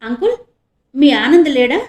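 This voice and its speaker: A woman voicing a bold, sly rich young woman in a storybook reading, loud and teasing. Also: high-pitched, animated, unhurried. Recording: echoey room.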